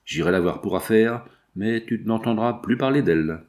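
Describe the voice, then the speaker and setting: A man's voice: lowish voice, normal speed, darkish tone, lightly acted. A man voicing a scheming rich financier. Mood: assured. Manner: persuasive, self-assured. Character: shrewd middle-aged male financier, smooth and scheming. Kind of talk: audiobook character reading.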